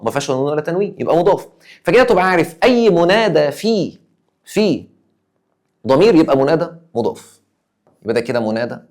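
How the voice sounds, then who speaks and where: Egyptian guy teaching a review class, talks super quick, kinda high voice, plays his students too. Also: darkish tone. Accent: Egyptian Arabic. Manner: emphatic, acts out student questions. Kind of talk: exam review lesson.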